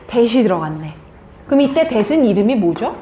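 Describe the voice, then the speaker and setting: A woman's voice: a little high, a little fast. A woman English teacher giving a live classroom lesson, quizzing and teasing her students as she goes. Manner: lively, questioning students, teasing. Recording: echoey classroom with faint hiss.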